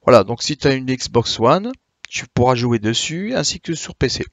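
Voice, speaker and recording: A tired man chatting live with his stream viewers, filling his sentences with hesitations and restarts as he explains things. His voice sits at a middle pitch and sounds dry and close, with no room around it. He keeps a friendly, unhurried way of answering questions. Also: lively intonation, no echo. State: a bit tired. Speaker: Twitch streamer.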